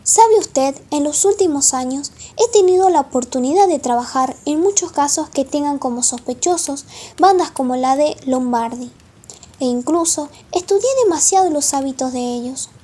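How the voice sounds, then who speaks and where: A woman playing a polite, probing male police detective in a formal, measured radio play style. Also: high-pitched, dark tone, close to an everyday voice. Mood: confident, accusing. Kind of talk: amateur radio play acting.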